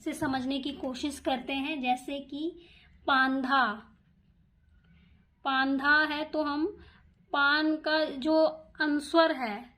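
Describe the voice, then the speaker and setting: A woman's voice: sits high, fairly even intonation, slow, a bit bright. A woman teaching a shorthand lesson, explaining each rule patiently and repeating it with examples.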